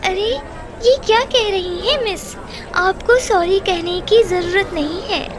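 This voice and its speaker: A woman voicing a clever, gentle young girl bird in a cartoon story, with a very high childlike voice. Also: measured pace, a crowd in the background.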